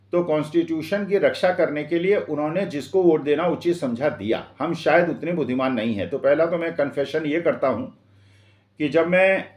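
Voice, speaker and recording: A man from Uttar Pradesh with an eastern Uttar Pradesh Hindi accent, giving an earnest, measured opinion monologue. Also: on the high side, reverberant. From Uttar Pradesh, India. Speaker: commentator.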